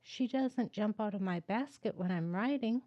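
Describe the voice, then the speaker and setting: A woman's voice: mid-range voice, moderate pace, highs cut off, lightly acted. Little girl pleading, read by a woman. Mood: worried. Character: young girl anxious about her lost cat.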